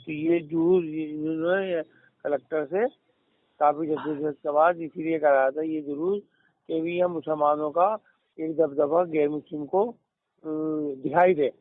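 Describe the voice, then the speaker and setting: A middle-aged man recounts a long story on a phone call, his voice sitting a little high. He rambles, restarts and circles back to details. The line is tinny and phone-like, with a dry, close sound. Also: fairly even intonation, a little slow, dry recording. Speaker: caller. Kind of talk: phone conversation.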